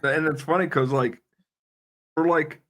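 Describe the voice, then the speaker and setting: A man's voice: on the high side, fairly even intonation, a little slow, fairly bright tone. A man co-hosting a casual gaming livestream, dry and teasing, his speech full of fillers like "like". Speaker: co-host.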